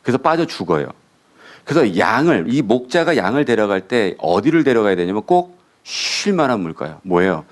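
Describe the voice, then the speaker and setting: A man's voice: on the low side, sing-song, normal speed. A male pastor giving a sermon, asking the congregation questions and answering them himself.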